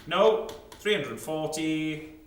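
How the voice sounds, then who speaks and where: A man's voice: a little high, lively intonation, slow, very noisy. A man working as a fine art auctioneer, calling lots and repeating bid figures in clipped, rolling phrases. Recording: roomy, echoing sound.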